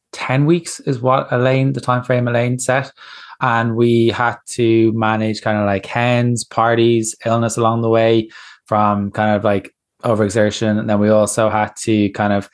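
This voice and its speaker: Guy hosting a fitness podcast, lowish voice, pretty flat delivery, earnest. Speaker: podcast host, fitness coach. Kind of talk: podcast promo and introduction.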